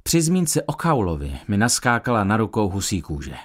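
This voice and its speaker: A man reading a novel aloud as an expressive first-person audiobook narrator. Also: fairly low pitch. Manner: expressive storytelling.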